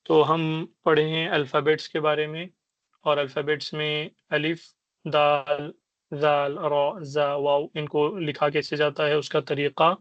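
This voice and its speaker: A man teaching a beginners' Arabic class, explaining patiently and sounding out letters and vowels slowly. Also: fairly high pitch, level tone, dry recording, dull audio. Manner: patient explaining, repeats "ٹھیک ہے" to check understanding. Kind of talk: online language lesson.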